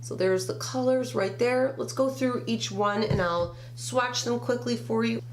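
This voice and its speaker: An older woman, a beauty vlogger, chats through a makeup review in a small bedroom, naming each shade one by one. Her high-ish voice is nasal and stuffed-up from a summer cold, at a measured pace. The camera sits at desk distance, with slight background noise.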